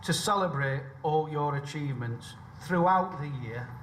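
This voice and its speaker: A man's voice: fairly high pitch, normal speed, fairly bright tone. A man giving a formal ceremonial speech with emphatic phrasing in an echoey room. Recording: echoey room, faint noise.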